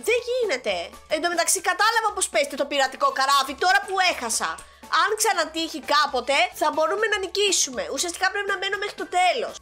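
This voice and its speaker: A young woman, sick with a sore throat, giving excitable gameplay commentary as a gaming YouTuber. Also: sits high. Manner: excitable, exclaiming at the game.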